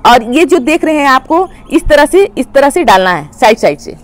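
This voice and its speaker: A woman hosting a gardening channel, calmly explaining plant care step by step and addressing viewers as friends. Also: sits high, moderate pace, faint music behind. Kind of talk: instructional how-to talk.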